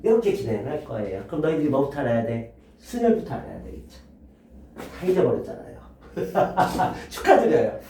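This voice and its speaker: Animated male math teacher in echoey room. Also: medium pitch, far from the mic, slight background noise. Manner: lively, quizzing students with rhetorical questions. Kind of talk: classroom lecture.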